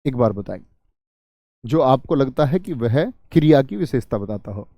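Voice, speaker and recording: A man's voice: medium pitch, expressive, moderate pace, mellow, dry recording, studio quality. A man teaching an online grammar class. He keeps asking his students questions and then answers them himself. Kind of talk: online exam-prep grammar lesson.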